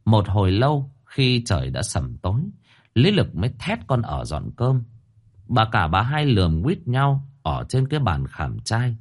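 A man narrating a horror story in an expressive, dramatic way. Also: lowish voice.

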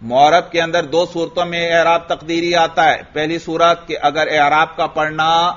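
A man with a fairly high voice teaches a grammar class. He keeps asking questions and then answers them himself, repeating each key word. The recording is dull and lo-fi, like an old classroom tape. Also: level tone, a bit bright.

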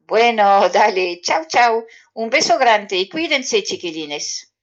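A woman with a French accent talking gently and playfully to children on a community radio show, offering French lessons. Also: medium pitch, lively intonation, slow pace. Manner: gentle, playful, addresses listeners directly. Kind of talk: friendly radio talk to children. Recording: dull lo-fi radio audio.

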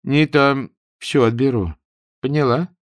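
A man voicing a pushy, rough young village woman in an audiobook, with a brusque, demanding manner. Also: mid-range voice, unhurried, no room sound, natural voice.

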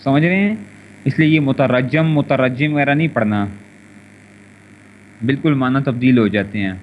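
A man with a Pakistani Urdu accent teaches grammar in an online class, repeating each word and conjugation slowly. His voice comes through a dull, lo-fi chat connection with a faint hiss behind it. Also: mid-range voice. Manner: repetitive, drilling word pronunciations and conjugations. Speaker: teacher of Arabic morphology. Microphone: internet voice chat room.

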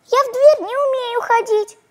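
A woman's voice: extremely high pitch, moderate pace, a little mellow, big-room sound, voice pushed up. A woman voicing a tiny, timid creature girl who eats nails, with a thin, shy, sniffly little voice, in a storybook reading.

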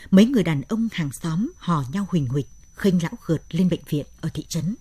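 A woman narrating a late-night radio story in a measured, steady way. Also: lowish voice, slightly rough, dry recording.

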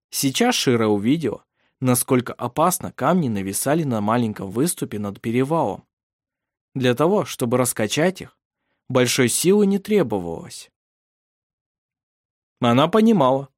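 A man narrating an audiobook in a steady, measured, dramatic reading. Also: medium pitch, dry recording, clean studio sound.

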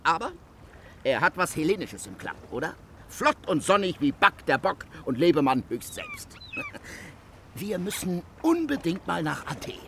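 Radio play: high, bright, gravelly joker, mock-preaching and teasing. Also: male voice, wildly swooping pitch, measured pace, slight background noise, full character voice. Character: boisterous young man mocking priests, jovial. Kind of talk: radio drama acting.

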